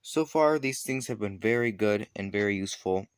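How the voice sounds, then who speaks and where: In clean studio sound with no echo, a man with a fairly low, clear, resonant voice gives an animated, unscripted product demonstration. He goes step by step and somewhat haltingly, often stopping to rephrase what he just said.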